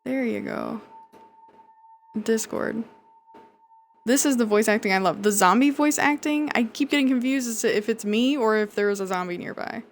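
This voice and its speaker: A woman's voice: on the high side, normal speed, faint music behind. A woman live streamer chatting casually and jokingly with her chat while she plays a video game, swearing freely.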